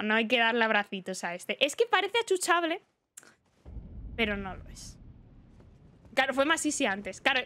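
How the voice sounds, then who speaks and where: A woman's voice: high voice, pushed and bright. A young woman giving playful live gameplay commentary, chatting to the enemies and yelping and swearing when she is hit. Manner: playful, talks to the game boss, frequent startled yelps and swearing. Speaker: streamer. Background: game music.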